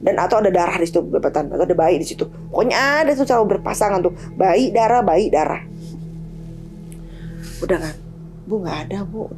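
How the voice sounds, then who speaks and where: A woman's voice: fairly low pitch, lively intonation, a little fast, a little mellow, faint music behind, low-quality recording. A woman telling a true-horror story in a chatty, slangy way, full of fillers. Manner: chatty, slangy, uses many fillers like "gitu kan". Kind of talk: casual spoken horror storytelling.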